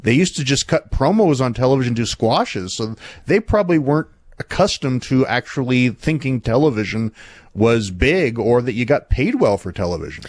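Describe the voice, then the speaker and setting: A man's voice: medium pitch, big pitch swings, normal speed, dry recording. A man in a casual podcast chat who explains background and recalls details.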